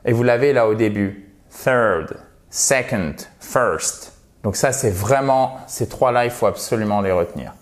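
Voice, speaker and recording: A man's voice: fairly low pitch, a little fast, a little mellow. A French-speaking man teaching an online English lesson, explaining patiently and checking in with his listeners.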